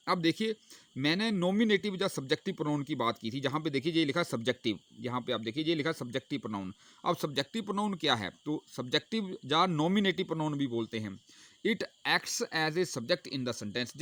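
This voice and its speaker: A man teaching English grammar in Hindi, asking questions and answering them himself, reading English example sentences slowly. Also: fairly high pitch, fairly bright tone. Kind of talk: explaining a grammar lesson.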